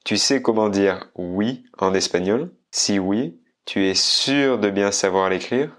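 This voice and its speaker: Male language-teacher host, lowish voice, informal and direct to camera, mixes in Spanish phrases. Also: slow, fairly bright tone. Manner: chatty, addresses the viewer directly and informally; drops into Spanish phrases between French explanations. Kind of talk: casual video lesson to camera.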